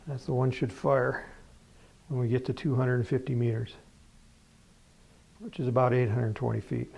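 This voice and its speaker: A man narrates a hands-on hobby tutorial in a casual, plain-spoken way, explaining as he demonstrates. His mid-range voice is creaky and husky, and the audio sounds dull.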